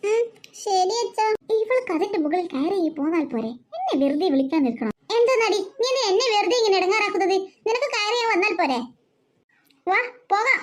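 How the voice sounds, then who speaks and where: A woman's voice: very high voice, animated, brisk. A woman doing a snappy, teasing big-sister cartoon girl. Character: bossy teasing older sister, young girl. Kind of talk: cartoon voice acting.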